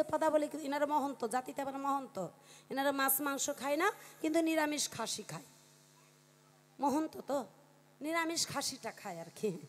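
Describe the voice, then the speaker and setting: A woman with a high voice tells a comic folk tale to a live audience. She speaks into a stage microphone and keeps calling out to the listeners. Her delivery is lively and chatty. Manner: lively, calls out to the crowd. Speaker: folk performer telling a comic story.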